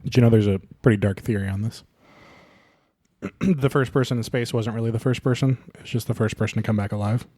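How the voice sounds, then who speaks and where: A man's voice: mid-range voice, steady tone, a little fast, warm tone, no echo. A man chatting on a podcast quiz, chiming in with bits of trivia. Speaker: quiz contestant. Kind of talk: casual podcast chat.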